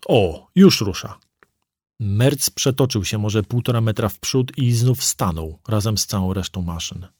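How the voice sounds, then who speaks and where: A man's voice: on the low side, normal speed, darkish tone, no echo, studio quality. A man reading a first-person story aloud as an audiobook narrator, with vivid storytelling delivery.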